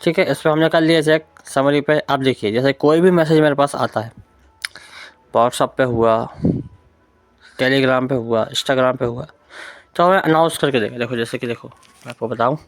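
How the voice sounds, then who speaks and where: A man's voice: medium pitch, moderate pace, dry recording. A man giving an informal spoken tech tutorial, explaining step by step and often checking in with the listener. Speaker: tutorial presenter.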